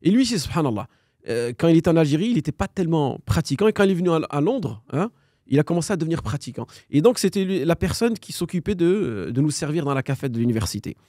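In clean studio sound with no echo, a man in his thirties talks fast at a fairly high pitch. As a guest on a casual podcast, he animatedly tells a personal story, acting out the dialogue and sprinkling in Arabic phrases.

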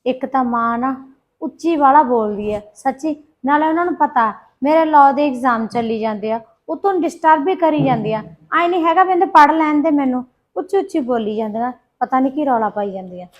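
A woman's voice: sits high, lively intonation, brisk, dull audio. A woman playing a kind, reassuring young law student. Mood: annoyed. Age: young adult. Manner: reassuring, friendly, soothing. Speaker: daughter in a family short film. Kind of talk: amateur family drama acting.

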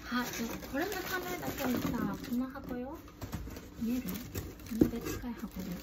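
A woman's voice: high voice, lively intonation, a little fast. A young woman with a cute, girlish anime-style voice, chatting casually to camera as she hosts an unboxing vlog. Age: young adult. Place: room at home. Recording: noisy room, rustling and clicks.

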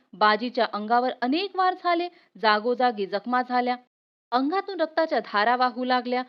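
A woman teacher reading a history lesson aloud for students, telling it expressively and speaking to viewers directly. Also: fairly high pitch. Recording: muffled lo-fi recording.

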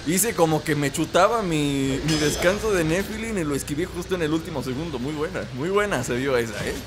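Speaking fairly quickly in a slightly high voice, a young Mexican-accented gamer playfully comments on his game and teases its characters. Loud video game music and sound effects sit behind his let's play narration.

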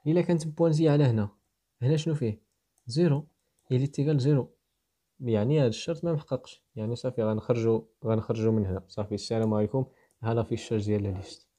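A man's voice: medium pitch, very fast, warm tone. A man with a Moroccan Arabic accent, teaching a programming lesson and walking through code step by step as he thinks aloud. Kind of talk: explaining programming to students.

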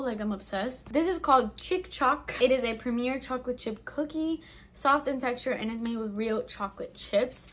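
A woman's voice: fairly high pitch, a little hiss or hum. Bubbly, chatty young woman vlogger. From Albanian heritage. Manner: bubbly, chatty, filler-heavy with lots of "like". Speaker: vlogger reviewing snacks. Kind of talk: casual chat.

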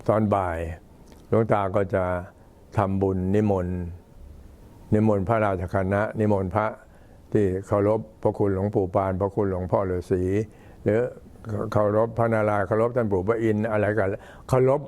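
Older male monk, low-pitched old man's voice, halting and unhurried, informally recounting temple history. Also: fairly even intonation, a little mellow. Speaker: Buddhist monk addressing temple visitors.

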